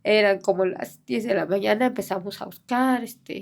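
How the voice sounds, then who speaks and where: A middle-aged woman speaking in a halting, soft-spoken way, with many fillers and restarts, as a bereaved mother giving an interview. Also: medium pitch, gravelly. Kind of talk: personal testimony in an interview.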